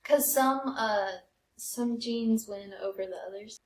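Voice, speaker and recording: A young adult American woman with a high-leaning voice speaks slowly as she co-hosts a comedy podcast. She chats casually and tells stories from her own life. The sound is roomy and echoey.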